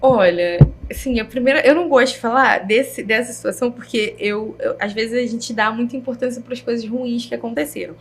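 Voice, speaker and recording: A young woman with a Brazilian Portuguese accent, a guest telling a personal story in a chatty, lively way full of slang fillers. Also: on the high side, brisk, hardly any pauses, a little hiss or hum. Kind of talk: interview storytelling.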